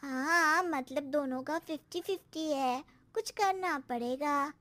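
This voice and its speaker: A woman voicing a lazy, cheeky schoolboy who talks back in a drawling, smart-alecky way, in an animated story. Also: high voice, takes it slowly, full character voice. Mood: matter-of-fact.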